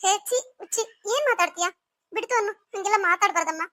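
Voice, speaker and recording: A woman voicing a gentle, soothing older sister. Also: very high voice, quick pace, dry recording. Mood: caring. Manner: coaxing, soothing.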